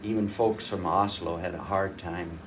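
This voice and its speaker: Here a deep-voiced older man with fairly even intonation, a folk fiddler from rural northwest North Dakota, shares family stories with a small audience in a room at a fiddlers' gathering. His delivery is casual, rambling and folksy, broken by many pauses and restarts, and the distant mic picks up faint room noise.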